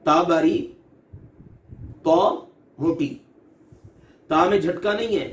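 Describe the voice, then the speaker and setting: High-voiced man teaching recitation, echoey room. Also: recorded from a distance. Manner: drawn-out, emphatic demonstration of letter sounds; patient, repeats each example. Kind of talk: recorded recitation lesson. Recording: echoey room, off-mic, faint ambience.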